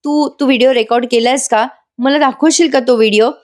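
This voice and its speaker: An earnest young man coaxes an upset relative with soothing, urging words. The delivery stays gentle and reassuring. A woman narrator voices him in her retelling. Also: sits high, fairly quick, voice pushed up, close to an everyday voice. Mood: coaxing.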